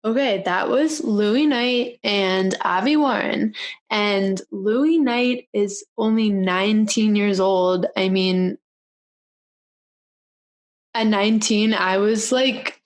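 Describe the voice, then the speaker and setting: Host casting: young woman, bubbly and teasing, unhurried delivery, easy laughs. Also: medium pitch. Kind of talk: casual video interview.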